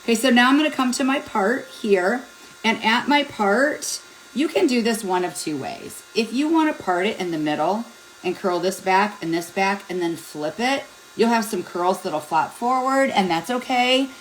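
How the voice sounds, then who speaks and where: A woman's voice: medium pitch, expressive, normal speed, a little hiss or hum, rough recording. A middle-aged woman chatting casually through a hair tutorial at home, rambling and joking at her own expense. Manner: chatty, self-deprecating, rambling with fillers. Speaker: beauty vlogger. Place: home, at a mirror.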